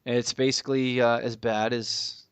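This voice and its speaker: A man's voice: medium pitch, little pitch movement, normal speed, clear, resonant tone, no echo. A man co-hosting a casual podcast, blunt and swearing, often laughing. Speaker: podcast co-host. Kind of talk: casual chat.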